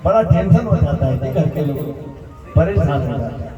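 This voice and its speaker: A man's voice: a little high, expressive, normal speed. A man telling a devotional story as a sermon, addressing his listeners and adding moral asides. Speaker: religious storyteller. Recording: echoey hall, distant mic, dull, faint music.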